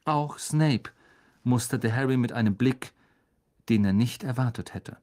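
A man narrating a children's fantasy novel in a measured, expressive reading voice. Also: mid-range voice. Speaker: audiobook narrator. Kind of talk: storybook narration.

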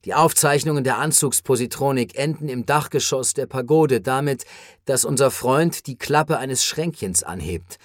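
A composed, formal giant alien speaks in measured, analytical sentences, as a male narrator gives him voice. He sounds steady and reassuring. The recording is dry, with no room echo. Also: medium pitch, lightly acted. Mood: calm.

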